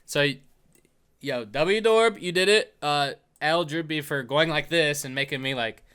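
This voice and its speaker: A man co-hosting a livestream, joking and excitable in casual banter. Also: on the high side, a little slow, clean tone. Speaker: co-host.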